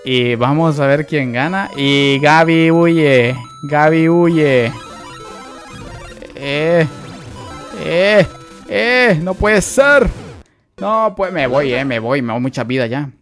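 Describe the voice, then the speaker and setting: A man's voice: fairly high pitch, slow pace, faint music behind. Chatty Mexican man streaming live. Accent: Mexican Spanish. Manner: chatty, greets viewers, excitable exclamations. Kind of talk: live gameplay commentary.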